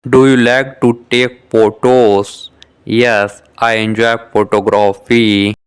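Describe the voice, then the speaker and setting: Fairly low in pitch, this man's clear, resonant voice stays level as he reads short beginner dialogues for an English lesson. He repeats each exchange twice with measured, careful articulation, providing scripted material for learners to shadow.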